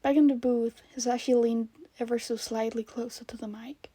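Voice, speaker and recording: Woman reading a fanfic, soft mellow voice, higher pitch, close dry mic. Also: fairly even intonation, moderate pace, husky, no echo. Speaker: podfic reader. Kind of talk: scripted narration of fan fiction.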